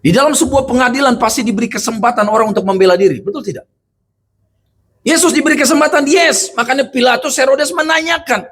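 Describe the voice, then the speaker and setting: A husky-voiced male pastor preaches at a quick pace to a church congregation. He asks them questions and moves back and forth between forceful, loud lines and quiet, low storytelling.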